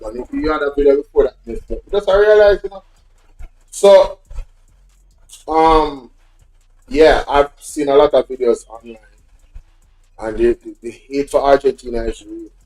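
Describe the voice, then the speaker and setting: A man's voice: on the high side, a little mellow. A man hosting a live stream, chatting loosely and rambling between clips. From Jamaica. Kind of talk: casual reaction commentary. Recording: echoey room.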